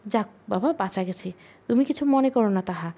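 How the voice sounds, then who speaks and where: A woman voicing a gentle, kindly mother-in-law in an audio story, soft and mellow. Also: mid-range voice, animated, a little fast.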